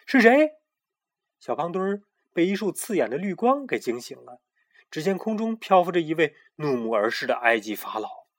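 一个男人在讲儿童故事，语气生动有表情。. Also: male voice, on the high side, fairly quick. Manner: lively, expressive storytelling. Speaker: storyteller. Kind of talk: children's story narration.

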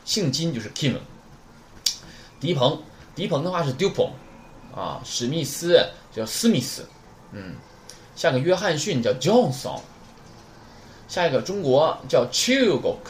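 Lively chatty male language teacher. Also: fairly high pitch, slight background noise. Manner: lively, chatty, teasing asides. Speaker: Japanese teacher. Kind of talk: vocabulary lesson.

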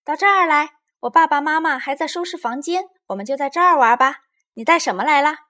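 A woman's voice: on the high side, moderate pace, a bit bright, pitched above the performer's own voice, lightly acted. A woman doing a bossy little girl playmate. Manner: bossy, commanding. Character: bossy young girl playmate who loves bragging.

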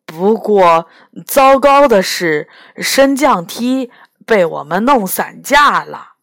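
A woman doing a gruff horned dragon beast. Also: mid-range voice, lively intonation, slow pace, a bit bright, no room sound, clean studio sound. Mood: puzzled. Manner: blunt, scoffing. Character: gruff male dragon-bodied bull-horned palace beast, proud. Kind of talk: storybook reading.

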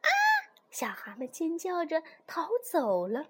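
Storyteller woman, high lively sing-song read-aloud for children. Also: unhurried, noisy background.

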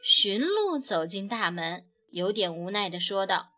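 A woman gently and expressively narrating a children's picture book. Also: medium pitch, big pitch swings, unhurried. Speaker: storyteller. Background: soft background music.

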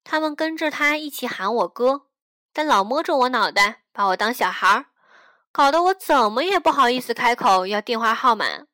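A woman reading a story aloud in a gentle, intimate storytelling manner, acting out the dialogue as she goes. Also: sits high, no room sound. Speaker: radio reader. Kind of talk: storybook narration over music. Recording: dry close mic with soft background music.

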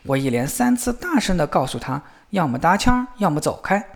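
Guy putting on a blunt fearless country lad, high and loud, voice jumping all over. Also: big pitch swings, a little fast. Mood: protesting. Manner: loud, shouting and eager. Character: naive fearless young man, bold and blunt.

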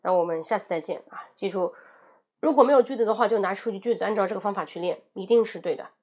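Woman teaching english pronunciation, stretches drill words out slow and loud, then chats quick. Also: mid-range voice. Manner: reads drill words slowly and loudly, explains briskly. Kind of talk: spoken English lesson, drilling phrases.

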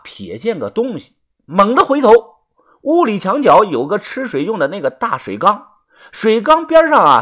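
Husky, dramatic male storyteller. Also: high-pitched. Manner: dramatic, with many drawn-out filler particles. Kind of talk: first-person audiobook narration.

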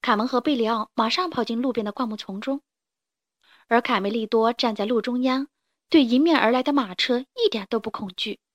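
A woman storyteller narrating a children's tale in a gentle, clear reading voice. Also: on the high side, a little fast, dry recording, highs cut off. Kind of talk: scripted narration.

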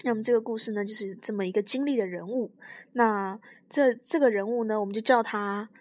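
A young woman co-hosting a podcast, telling a spooky story slowly and casually, often laughing. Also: fairly high pitch, no echo. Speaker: podcast co-host.

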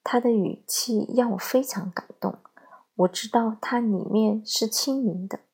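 A woman giving calm, measured scripted narration of a parenting essay. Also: fairly high pitch, gravelly, breathy edge. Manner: slow, measured, calm storytelling.

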